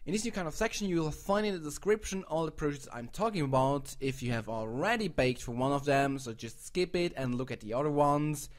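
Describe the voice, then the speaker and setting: A man's voice: on the high side, lively intonation, a little fast, few pauses. A man from Switzerland with a Swiss accent, speaking English as a non-native host in a casual, rambling, playful commentary, often correcting himself. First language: a language other than English. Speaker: host of a video channel. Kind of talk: casual commentary on game crowdfunding projects.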